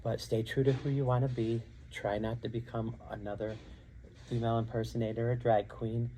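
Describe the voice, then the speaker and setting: A man's voice: mid-range voice, flat delivery, a little fast, mellow, slight background noise, low-quality recording. A middle-aged man who works as a drag queen and show host, answering interview questions earnestly and repeating phrases for emphasis.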